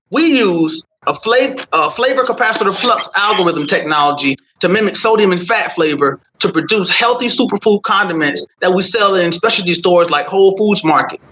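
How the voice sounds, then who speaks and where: A man delivering a rehearsed, confident startup pitch as a founder, with rhetorical questions in a salesman-like way. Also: bright, forceful tone, a little hiss or hum, rough recording.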